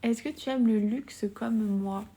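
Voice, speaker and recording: Young woman, from France, live-stream chat, breathy, often whispering, giggly, casual slang. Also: on the high side, measured pace, warm tone.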